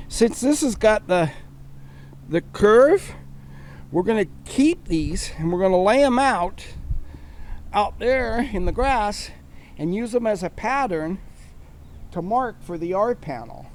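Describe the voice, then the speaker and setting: Man with a high, unhurried voice, folksy vlog host walking through an outdoor repair job, noisy background. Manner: folksy, down-to-earth, explains as he works. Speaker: home repair vlogger. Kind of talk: casual on-site vlog narration. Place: outdoors at a house. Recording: outdoor noise behind the voice.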